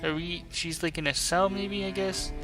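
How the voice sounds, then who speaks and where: A man's voice: high-pitched, fairly even intonation, moderate pace, over music. A man giving casual playthrough commentary on a video game, musing aloud. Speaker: gamer, video host.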